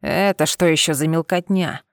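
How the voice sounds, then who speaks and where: Woman voicing cat-eared alien man, gruff, scornful, lowered voice, audiobook, dry close sound. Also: normal speed, dry recording, lightly acted. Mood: menacing.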